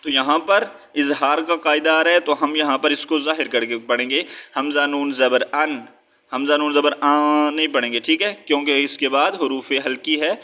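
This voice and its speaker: A man with a Pakistani accent teaching a Quran reading lesson, spelling out syllables slowly and then joining them, and checking often whether his listeners follow. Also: on the high side, steady tone, pushed and bright. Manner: checks understanding with a repeated "okay?".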